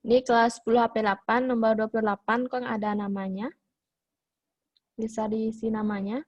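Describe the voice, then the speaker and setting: A woman's voice: on the high side, fairly even intonation, a little fast, darkish tone, no echo, muffled recording. Indonesian-accented woman teaching, dry close sound. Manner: explains in Indonesian mixed with English phrases, many fillers. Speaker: vocational school English teacher. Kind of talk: online class lesson.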